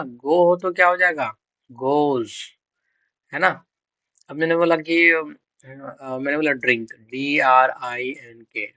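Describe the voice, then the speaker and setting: A man's voice: medium pitch, sharp tone, no room sound, rough recording. A man teaching English grammar for exam prep. He quizzes students, answers his own questions and spells out words letter by letter.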